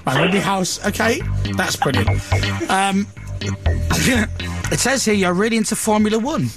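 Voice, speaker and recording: A man's voice: high-pitched, big pitch swings, measured pace, over loud music. A man hosting a radio phone-in quiz, teasing his callers with sarcastic banter. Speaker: radio show host.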